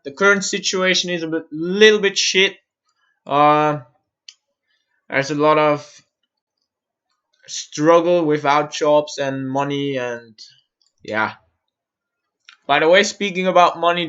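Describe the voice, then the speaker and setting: A man from Austria, muttering to himself while he works through a software build on a live-stream tutorial and answering viewers' questions. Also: a little high, clean tone, highs cut off.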